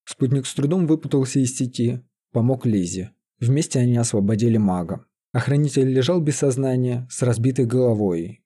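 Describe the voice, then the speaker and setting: A man reading a fantasy story aloud in a steady, even voice, as an audiobook narrator. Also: mid-range voice, fairly quick, hardly any pauses, husky.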